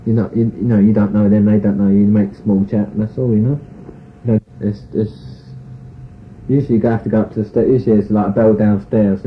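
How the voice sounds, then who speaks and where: Man, interviewee, rambling frank account, fast delivery, lo-fi phone-like tape with faint hiss. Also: lowish voice. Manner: rambling, full of "you know" and "sort of".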